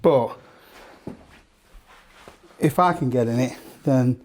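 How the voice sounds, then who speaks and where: A man in his own relaxed video, chatting about camping kit with a friend. He talks in a loose, jokey way and often breaks off and restarts his sentences. His pitch sits right in the middle for a man. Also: slow, slight background noise. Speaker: host. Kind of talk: casual gear chat.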